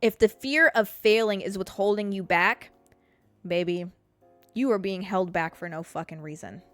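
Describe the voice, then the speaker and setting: A woman in her mid-twenties hosts a podcast, speaking in a mid-range voice at a moderate pace with a fairly bright tone over soft background music. Her casual motivational monologue is a blunt, profanity-laced pep talk in which she calls listeners babe and girl.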